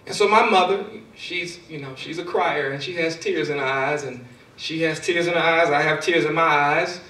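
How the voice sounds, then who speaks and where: A man's voice: on the high side, normal speed. Man telling his story in an echoey hall. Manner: storytelling with dramatic swings in loudness. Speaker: speaker. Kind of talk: motivational speech. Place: large hall. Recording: echoey hall, far from mic.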